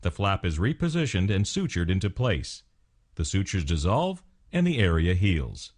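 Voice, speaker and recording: A male narrator with a fairly low voice reads a scripted instructional piece. His delivery is formal and measured, yet the pitch moves in a lively way across each sentence. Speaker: narrator of dental explainer videos.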